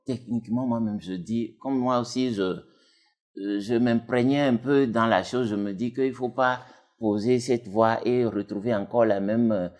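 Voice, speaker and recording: A man's voice: steady tone, moderate pace, darkish tone. A man, a dubbing actor talking casually as an interview guest, rambling with many fillers and restarts. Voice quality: deep voice.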